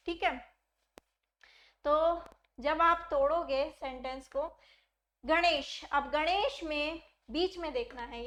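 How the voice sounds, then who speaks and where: An Indian woman with a high-pitched, bright, forceful voice teaches grammar to exam aspirants. She keeps posing her own questions and patiently answering them.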